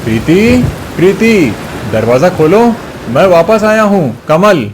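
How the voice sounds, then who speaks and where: A stern grown son and husband from a storybook cartoon, acted by a man. His voice sits fairly high for a man and rises and falls freely. He speaks firmly and makes demands. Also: very animated, measured pace, noisy background. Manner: firm and demanding.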